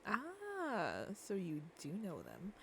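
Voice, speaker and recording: A woman speaking in character for game role-play, her voice gravelly with fry. Her pitch swings widely from line to line, and she hesitates and restarts while hunting for the right word. A faint hiss sits under her voice. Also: huge pitch swings, takes it slowly. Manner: hesitant, searches for words, restarts. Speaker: streamer playing a shopkeeper character.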